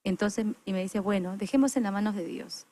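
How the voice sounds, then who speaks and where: A woman's voice: mid-range voice, brisk, warm tone. Woman, podcast guest, earnest reflective testimony. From Peru. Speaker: interview guest. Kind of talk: personal testimony in a chat.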